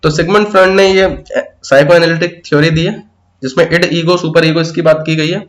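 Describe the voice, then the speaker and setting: A man's voice: fairly high pitch, level tone, a little fast. A man teaching an exam-prep pedagogy lesson, explaining step by step in mixed with terms and often checking in with "theek hai".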